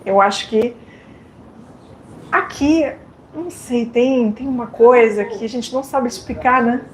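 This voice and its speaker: In an echoey lecture hall with faint noise, a woman from France with a French accent lectures live, unhurried and on the high side in pitch. Her manner is direct and playful, and she keeps questioning the audience.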